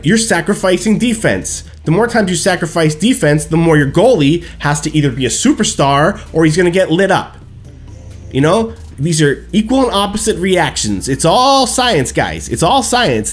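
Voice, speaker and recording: Animated man with a lively voice. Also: a little high. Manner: animated, emphatic, keeps asking "okay?" and "right?". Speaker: hockey fan streamer. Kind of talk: post-game hockey rant. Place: small room at home, seated in gaming chair. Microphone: headset.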